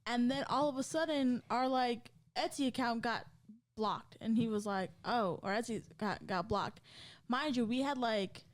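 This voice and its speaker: A woman in her thirties co-hosts a podcast, her fairly high voice moving at a moderate pace. She chats casually and rambles, using lots of fillers and laughing frequently.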